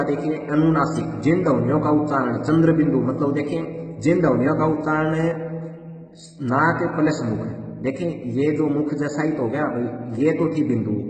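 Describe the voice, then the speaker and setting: A man teaching a grammar lesson for exam preparation, explaining step by step and repeating key points to his students. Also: on the high side. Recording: echoey room, distant mic.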